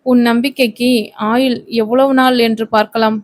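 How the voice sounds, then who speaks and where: A woman's voice: fairly high pitch, fairly even intonation, moderate pace, no echo, natural voice. A woman reading the part of a cocky young male film star who teases and taunts his co-star. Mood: taunting. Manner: teasing, taunting.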